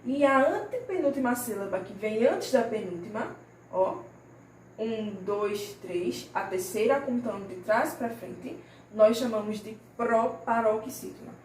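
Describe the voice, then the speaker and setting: A patient primary school teacher with a somewhat high voice gives young children a recorded remote lesson, drawing out example words slowly and pausing often to check in. She sits far from the mic, so the sound is roomy, with a faint hiss underneath.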